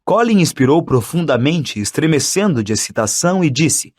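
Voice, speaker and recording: A man narrating an audiobook in an expressive, dramatic reading style. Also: a little high, normal speed.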